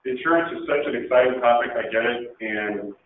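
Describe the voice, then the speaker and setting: Male seminar presenter, chatty and emphatic; distant, boomy room sound. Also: brisk, slight background noise. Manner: conversational, joking, emphatic. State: out of breath. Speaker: presenter at a legal education seminar. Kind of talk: conference talk. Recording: echoey far-off phone-like room recording.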